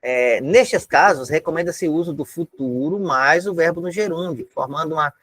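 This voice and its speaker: High-voiced Brazilian man teaching casually. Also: normal speed, a bit bright, dry recording. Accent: Brazilian Portuguese. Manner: chatty, explains step by step, many filler tags. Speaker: exam prep teacher. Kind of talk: casual online lesson. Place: home room.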